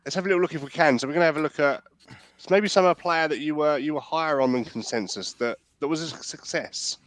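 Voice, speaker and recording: A man's voice: on the high side, fast, a bit bright. A man hosting a football podcast, steering the conversation in casual chat. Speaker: podcast host.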